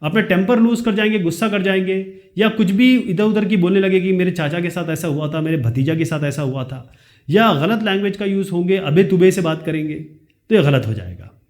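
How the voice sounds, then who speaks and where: A man, teaching a lesson. He reads each question slowly, then explains the answer in quick chat. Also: high-pitched, darkish tone.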